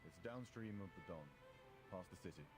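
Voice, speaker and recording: An actor playing a brisk, commanding and persuasive conscription officer in a video game. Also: male voice, sits low, lightly acted. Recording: game music behind the voice.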